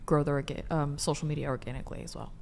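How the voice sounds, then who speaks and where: A woman in her twenties, a podcast guest speaking candidly and openly about her life in a relaxed way. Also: low voice, racing, gravelly. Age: 20s. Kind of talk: casual chat.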